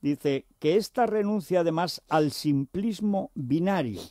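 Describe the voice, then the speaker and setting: A male radio host in a panel discussion, speaking in a fairly high voice with a sardonic, mocking edge. He is recorded on a close studio microphone with a dry, dead sound. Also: lively intonation, a little slow, dark tone, no room sound. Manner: sardonic, mocking, reads quotes aloud. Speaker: radio talk show host.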